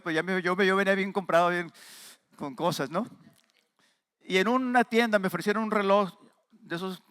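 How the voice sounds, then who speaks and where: A man with a Mexican Spanish accent, preaching a sermon and speaking straight to the congregation, emphatic with quieter asides. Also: fairly high pitch, no echo. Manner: addresses the congregation directly. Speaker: pastor.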